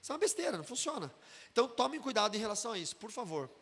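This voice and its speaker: A Brazilian man, a pastor, giving an animated sermon-style teaching and acting out the voices in his stories. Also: extremely high pitch, racing, slightly rough, long reverb tail. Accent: Brazilian Portuguese. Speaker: pastor teaching a deliverance seminar.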